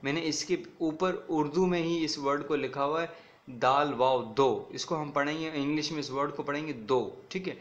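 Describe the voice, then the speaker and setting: Teacher mixing Hindi-Urdu and English. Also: male voice, on the high side, fairly even intonation, lo-fi sound. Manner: mixes Hindi-Urdu with English, repeats "ठीक है ना" often; reads English lines slowly, then explains them. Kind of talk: classroom lesson explaining an English poem. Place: recorded video lecture.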